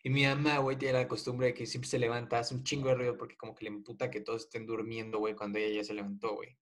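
Joking young Mexican podcast host. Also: male voice, mid-range voice, quick pace. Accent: Mexican Spanish. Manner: joking, slangy, animated storytelling. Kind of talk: casual podcast chat.

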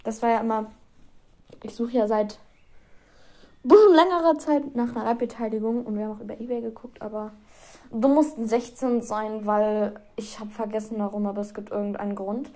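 A teenage girl talks on her own podcast in a loose, chatty way. Her voice sits a little high, and she drifts between topics with self-mocking asides and small giggles. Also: steady tone, moderate pace, warm tone. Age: teens. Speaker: podcast host. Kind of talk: casual solo podcast chat.

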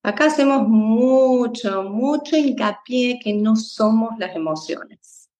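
A woman, a psychologist guest in a conversation, explaining in a calm, unhurried way. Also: fairly high pitch, echoey room. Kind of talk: interview conversation.

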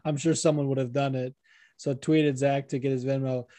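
Swearing, rambling podcast host. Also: male voice, mid-range voice, flat delivery, moderate pace, dark tone, dry recording. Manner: casual, rambling, swears a lot. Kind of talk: casual podcast chat.

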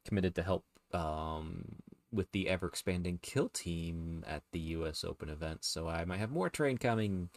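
A man co-hosting a podcast, chatting casually, rambling with restarts and quick laughs. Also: low-pitched, dry recording, clean studio sound. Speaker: podcast co-host. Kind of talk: casual chat.

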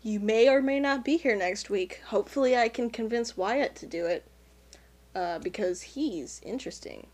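A woman's voice: on the high side, normal speed, a little mellow. A woman hosting a casual podcast chat, making dry, wry asides. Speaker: podcast host.

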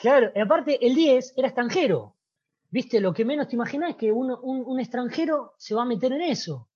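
Rioplatense man telling a story, husky. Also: very high voice, brisk, muffled recording. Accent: Rioplatense Spanish. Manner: animated storyteller, acts out dialogue, frequent "¿viste?". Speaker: interview guest, former footballer. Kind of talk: casual storytelling.

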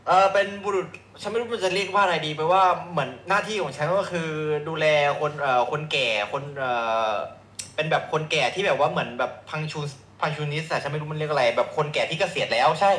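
A man talks with friends in a rambling, halting way, filling gaps with hesitations. His voice sits a bit high, and the sound carries a roomy echo. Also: fairly bright tone, a little hiss or hum. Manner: rambling, hesitant with many fillers. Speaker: guest, friend living abroad. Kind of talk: casual chat among friends.

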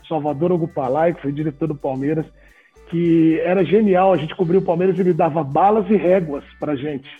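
A man, a sports journalist telling animated, laughing anecdotes in an interview. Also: on the high side, breathy edge. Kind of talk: casual storytelling in an interview. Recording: tinny phone-like audio with faint music.

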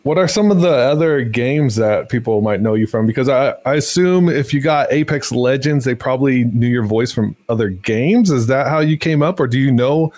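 A podcast co-host with a mid-range voice, asking curious follow-up questions in an easy, relaxed way. The recording is dry and close, with no room echo. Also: medium pitch, normal speed, hardly any pauses. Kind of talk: casual interview chat.

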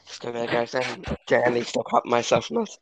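A man's voice: mid-range voice, little pitch movement, fast talker, low-quality recording. A man hosting a football podcast in a casual, chatty way. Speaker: podcast host. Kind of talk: casual chat, moderating a football discussion.

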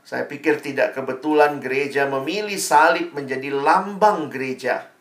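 Male preacher, chatty sermon delivery with rhetorical questions, medium pitch, roomy echo. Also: moderate pace, a bit bright. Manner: calls himself Amang.

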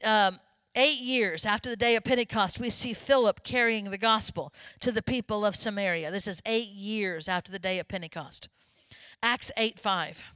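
A woman pastor preaching a sermon in a lively, conversational way, often turning to ask the congregation questions. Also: medium pitch, normal speed, clear, resonant tone, dry recording.

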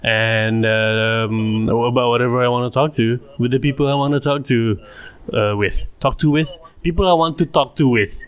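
A Malaysian-accented man hosts a podcast in a conversational way. His medium-pitched voice moves haltingly, doubling back on his own sentences. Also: steady tone, clear, resonant tone. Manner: halting, self-interrupting. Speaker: podcast host. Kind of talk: casual conversational podcast hosting.

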